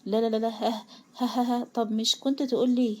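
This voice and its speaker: Egyptian-accented young man, betrayed, furious, rapid and low-toned, read by a woman narrator. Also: steady tone, creaky, dark tone. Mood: anguished. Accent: Egyptian Arabic. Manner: sobbing bitter laughter, then harsh threats.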